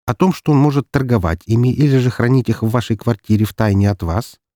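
A man's voice: medium pitch, animated, quick pace, dark tone, no echo, studio quality, close to an everyday voice. A man voicing an emotional young woman lawyer in an audiobook, speaking in a raised, agitated voice. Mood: questioning. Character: sharp young female defense lawyer, emotional.

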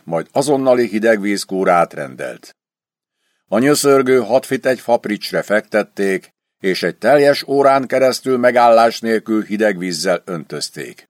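A man narrating a historical adventure novel in an expressive storytelling reading. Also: fairly low pitch, no echo, clean studio sound. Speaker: audiobook narrator. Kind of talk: scripted literary narration.

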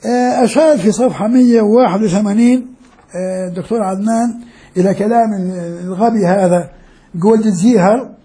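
An older male scholar lectures his students, speaking in a strikingly high yet mellow voice. He explains patiently and repeats key phrases for emphasis. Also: fairly quick. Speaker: sheikh and professor lecturing. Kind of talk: classroom lecture.

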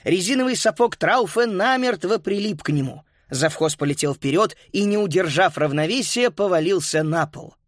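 Man narrating a lively children's audiobook. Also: high-pitched, normal speed, hardly any pauses, no room sound, studio quality. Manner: lively, expressive storytelling.

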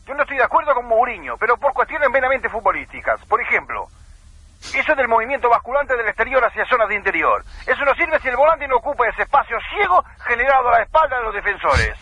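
Un hombre haciendo de oyente en el contestador. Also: male voice, very high-pitched, fast, slightly rough, full character voice. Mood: earnest. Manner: deadpan, puns on football terms. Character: silly male callers leaving phone messages. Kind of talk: comic radio sketch. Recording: dull answering-machine message.

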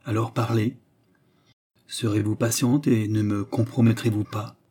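Brief: nervous old-regime jailer calming an angry prisoner, low and husky, read by a man. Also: a little slow. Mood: soothing. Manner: soothing, hesitant. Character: cautious middle-aged male prison concierge.

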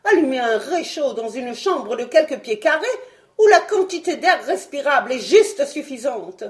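A woman's voice: on the high side, big pitch swings, unhurried. A woman reading an audiobook, voicing a stern, irritable old male scientist who scolds emphatically. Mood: angry.

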